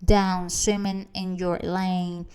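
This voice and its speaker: A woman's voice: on the low side, level tone, takes it slowly, darkish tone, clean tone. A woman reading as a confident motivational speaker. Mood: rousing. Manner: confident, rousing, emphatic.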